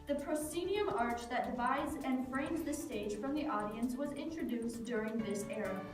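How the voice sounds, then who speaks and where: This high-voiced woman delivers scripted narration for a puppet show at normal speed and with expression. Heavy echo fills the room, she is a bit distant from the microphone, and faint music sits in the background.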